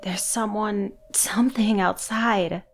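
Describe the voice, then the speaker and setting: A woman's voice: mid-range voice, steady tone, slow pace, soft background music. A woman voicing a scared and confused young woman who reacts with startled, frantic outbursts. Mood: startled fear.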